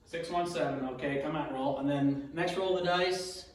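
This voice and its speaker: Echoey, distant man with a cold, narrating. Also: a little high. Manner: halting, self-narrating, repeats each call. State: has a cold, throat-clearing. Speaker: dice betting demonstrator. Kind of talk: casual play-by-play commentary. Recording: very echoey room, distant mic.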